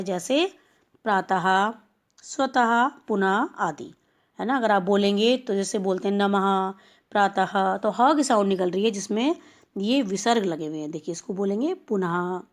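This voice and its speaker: A woman teacher giving a recorded lesson to young schoolchildren, speaking slowly and spelling out each sound one by one. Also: mid-range voice. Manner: slow, explanatory, spelling out sounds. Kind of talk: recorded class lesson for children.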